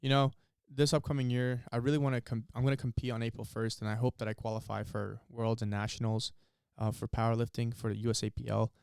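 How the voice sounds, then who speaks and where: A man's voice: mid-range voice, little pitch movement, quick pace, creaky, hardly any pauses, a little mellow, clean tone, no room sound, clean studio sound. A man in his early twenties co-hosting a podcast, talking in an earnest, motivational way. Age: 20s. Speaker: podcast co-host. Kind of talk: casual chat.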